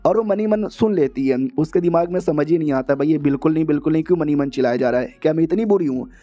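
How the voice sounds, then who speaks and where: A man's voice: on the high side, quick pace, dark tone, lo-fi sound. A man casually retelling a manga chapter in a jokey, slangy, exaggerated way. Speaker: manga recap narrator. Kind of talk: casual comic story recap.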